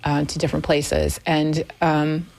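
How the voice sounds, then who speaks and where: A woman in her fifties from the United States, raised as a military child who moved often and with family in Minnesota, is an interview guest in a radio studio. She candidly tells her personal story in conversation, frequently correcting herself, in a deep, unhurried voice with a level tone, vocal fry and a darkish quality.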